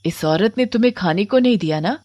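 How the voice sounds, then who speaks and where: A woman's voice: medium pitch, lively intonation, fairly quick, dark tone, lo-fi sound, close to an everyday voice. Woman voicing a kind but vengeful witch. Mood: stern. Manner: soothing, then stern. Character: kind-hearted female witch, protective and vengeful.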